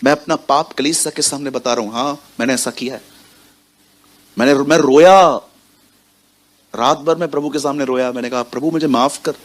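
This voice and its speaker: A man's voice: medium pitch, fairly even intonation, normal speed, long pauses. A young man preaching a sermon, talking in a chatty way and often putting questions to the congregation. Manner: conversational, quizzes the congregation, mixes in English words. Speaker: pastor.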